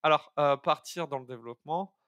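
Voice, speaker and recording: A man's voice: on the high side, fairly quick, a bit bright, dry recording, clean studio sound. Chatty French-speaking man thinking aloud. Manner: chatty and hesitant, many fillers and restarts, thinks aloud. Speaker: coding streamer teaching algorithms. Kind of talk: live-streamed coding tutorial.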